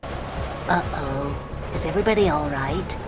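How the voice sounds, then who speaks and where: A woman's voice: low voice, a little slow. A woman voicing a cocky, carefree skateboarder boy in a cartoonish video game, with breezy, exclamatory slang. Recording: loud music over game dialogue.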